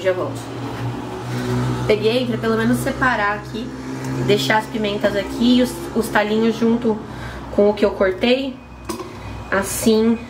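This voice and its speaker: A young woman with a Brazilian Portuguese accent, chatting to camera as a book vlogger while she trims plants on an apartment balcony. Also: a little high. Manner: chatty, trimming pepper plants while talking. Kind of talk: casual chat to camera. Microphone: camera at close range. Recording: roomy echo, faint background noise.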